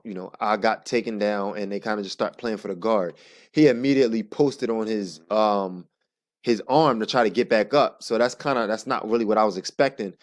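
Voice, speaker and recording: Low-voiced man casually breaking down sparring. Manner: informal, halting, thinking aloud. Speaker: jiu-jitsu practitioner narrating own sparring footage.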